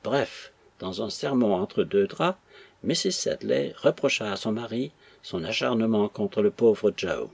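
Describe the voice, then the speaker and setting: Gravelly guy reading an old novel, expressive, lively, dry. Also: lowish voice, unhurried, dry recording. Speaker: audiobook narrator. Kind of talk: scripted narration of a classic novel.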